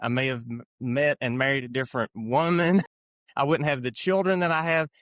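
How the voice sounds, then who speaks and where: A man's voice: mid-range voice, steady tone, normal speed, fairly bright tone, no echo. Middle-aged man with an Appalachian accent. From eastern Kentucky, United States. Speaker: podcast guest, author. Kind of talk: reflective personal storytelling in an interview.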